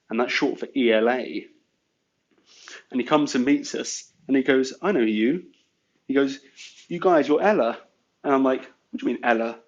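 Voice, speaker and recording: A man's voice: mid-range voice, dull audio. An English man telling business stories in a rambling casual chat, full of "you know" and "sort of". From England. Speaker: guest entrepreneur.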